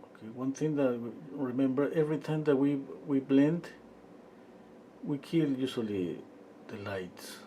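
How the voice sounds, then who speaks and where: A man from Peru teaching a live-stream painting lesson, quiet and unhurried, often trailing off into murmurs as he works. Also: medium pitch, slight background noise. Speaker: painting instructor.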